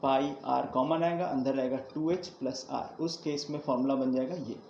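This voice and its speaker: A man's voice: medium pitch, fairly even intonation, moderate pace, vocal fry, a little mellow. A man teaching a math lesson, explaining step by step and asking his students questions that he then answers himself. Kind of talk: classroom math lesson at a board. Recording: echoey room, dull lo-fi sound, faint hiss.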